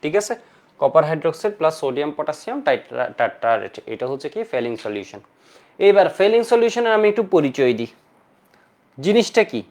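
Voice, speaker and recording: Lecturing online, a chemistry teacher asks himself questions, answers them, and slips English terms into his speech. His slightly high voice is sing-song and a touch mellow, and he talks quickly.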